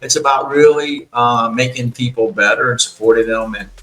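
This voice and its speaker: A man's voice: medium pitch, level tone, normal speed, a bit bright, slight background noise. Earnest man in his fifties, echoey room. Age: 50s. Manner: earnest, rambling with many restarts. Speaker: podcast host. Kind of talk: casual conversation.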